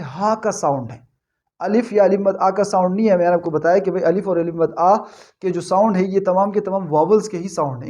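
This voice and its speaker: High-voiced man teaching grammar. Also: a little mellow. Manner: patient, repeats points, checks understanding. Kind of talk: explaining a grammar lesson.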